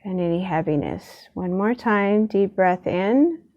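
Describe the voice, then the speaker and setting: In a soothing, unhurried way, a woman guides a gentle meditation, leaving long pauses between short phrases. Her voice sits in the mid range, and the recording's highs are cut off.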